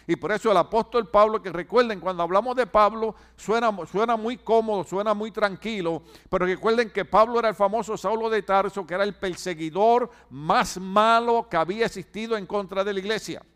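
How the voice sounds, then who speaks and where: A man preaching as a pastor, drawing out key phrases slowly and having the congregation repeat words back to him. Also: high voice, a bit bright, clean tone. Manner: preaching with call-and-response to the congregation. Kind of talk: sermon.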